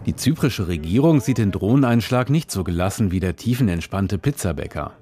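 A male reporter narrating a scripted radio report in a measured, descriptive way. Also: lowish voice, lively intonation, dark tone.

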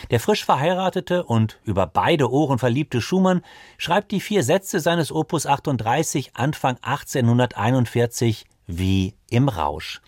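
Dry, measured male radio narrator. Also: mid-range voice, expressive, darkish tone, no echo. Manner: measured, precise delivery. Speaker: radio presenter. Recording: dry studio sound.

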